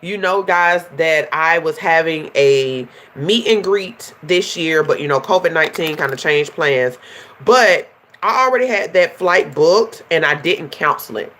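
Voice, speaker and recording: A young woman, a life coach, hosts a casual livestream and talks directly to her viewers in an animated, slightly slow way. Her voice sits low with a fairly bright tone, though a runny nose makes it stuffy and nasal, and it's slightly hoarse.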